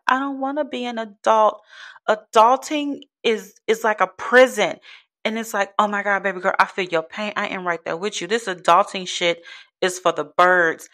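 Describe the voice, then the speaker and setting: A woman's voice: low voice, a bit bright. Frustrated woman venting, blunt and profane. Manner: frustrated, blunt, swears freely. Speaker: vlogger. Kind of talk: casual venting monologue.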